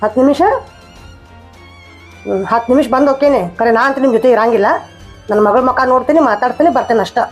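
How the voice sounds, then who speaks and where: A woman plays a fed-up wife in a village comedy skit, speaking with a North Karnataka accent. She scolds her husband in a rapid, high, argumentative voice, with faint music beneath. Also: lightly acted. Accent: North Karnataka Kannada. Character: angry wife who left her husband.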